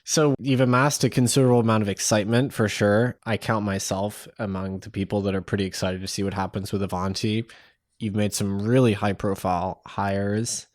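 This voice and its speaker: A man hosting an interview podcast, talking in a relaxed, halting way with many fillers. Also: on the low side, dry recording, studio quality. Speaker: podcast host.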